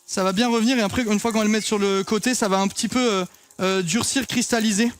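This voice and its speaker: A man's voice: high voice, steady tone, fast, no room sound. A young man chatting casually to viewers while cooking in his home kitchen, swearing now and then. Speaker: streamer cooking on stream. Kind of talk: casual live cooking chat.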